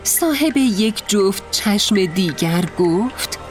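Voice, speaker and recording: A woman giving scripted storybook narration in an even, clear way, with music behind. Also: medium pitch. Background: background music.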